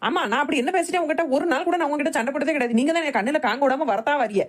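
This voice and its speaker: A woman's voice: high-pitched, close to an everyday voice. A woman playing a defiant young daughter-in-law. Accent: Thoothukudi Tamil. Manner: quick, retorting back-talk. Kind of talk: cartoon voice acting.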